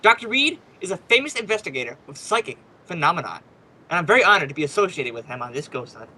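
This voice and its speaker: A man's voice: on the high side, very animated, fast talker, pushed and bright, husky, heavily acted, poor audio. A man acting a brash, wisecracking ghost hunter who hosts a radio program, in a chatty, showy old-time radio drama style.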